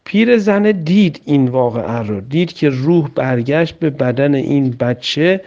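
A man's voice: medium pitch, lively intonation, mellow. A man preacher telling a religious story in a plain, conversational way. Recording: dull lo-fi recording.

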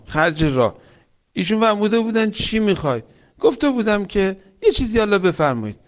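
A man preaching a sermon with stories, swinging between loud emphatic lines and soft hushed ones, reciting Quranic verses. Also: high voice, sing-song. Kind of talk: religious sermon with storytelling.

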